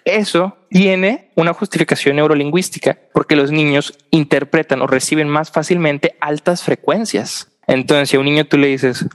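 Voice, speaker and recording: A man's voice: a little high, fairly even intonation, brisk, few pauses. A young man, a podcast guest and philosophy student, explaining ideas at length in a casual conversation and often checking in with tag questions. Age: young adult.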